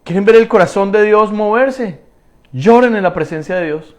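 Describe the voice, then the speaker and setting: A pastor preaches in a high voice at normal speed, speaking directly to the congregation. He poses rhetorical questions and answers them himself, repeating phrases for emphasis.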